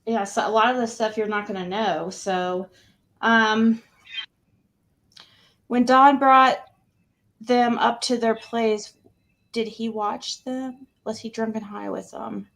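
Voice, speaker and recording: A woman's voice: fairly high pitch, steady tone, slow pace, creaky, pauses often, fairly bright tone. A woman hosting a casual livestream panel, asking questions in an informal, rambling way. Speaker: panel host. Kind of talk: casual true crime livestream chat.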